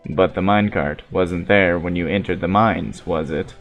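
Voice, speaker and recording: A very low, grave robot prophet from a video game, acted out by a man. He is solemn and secretive, speaking in measured, formal and courteous phrases. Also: muffled recording, faint music behind. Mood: guarded, curious.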